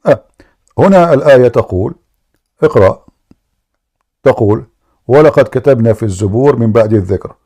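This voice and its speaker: A man hosts a combative live call-in debate, repeatedly pressing his questions and relaying the caller's words to his audience in English and Arabic. His mid-range voice is warm with a breathy edge, brisk and lively in intonation, broken by long pauses.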